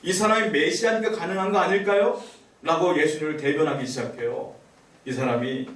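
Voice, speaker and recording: A man's voice: a little high, fairly even intonation, brisk, fairly bright tone. A male pastor preaching a sermon in a church, asking the congregation rhetorical questions. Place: church sanctuary. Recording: echoey church room, voice from far off.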